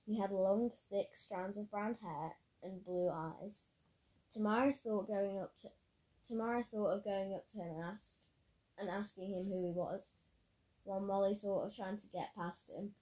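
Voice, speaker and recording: A woman's voice: mid-range voice, steady tone, normal speed, warm tone, poor audio. A woman reading her own story aloud in a plain storytelling manner, with occasional slips. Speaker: narrator.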